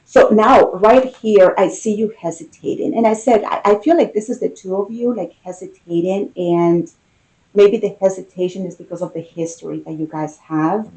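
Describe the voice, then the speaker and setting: A woman giving an unscripted, intimate tarot card reading, musing aloud with pauses and repeated phrases. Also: mid-range voice, a little mellow, poor audio.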